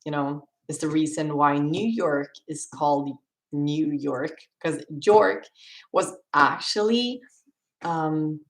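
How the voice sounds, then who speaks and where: A woman's voice: low voice, slow pace, reverberant. A young woman from Sweden with a Swedish accent, chatting casually on a live stream as she answers viewer questions and laughs often.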